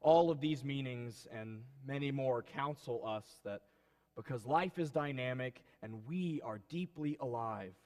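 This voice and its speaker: A man reads a meditation in a solemn pulpit style. His pace is very deliberate and slow, his pitch sits in the middle, and his phrasing is oratorical. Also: darkish tone. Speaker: reader at a church service.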